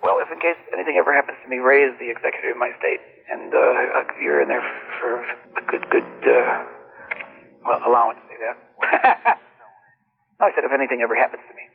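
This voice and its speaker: A man's voice: mid-range voice, steady tone, a little fast, vocal fry, breathy edge. A man talking in a rambling, boastful way to his son, heard on a poor old cassette tape of a phone call. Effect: poor-quality old cassette tape of a phone call. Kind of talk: casual phone chat.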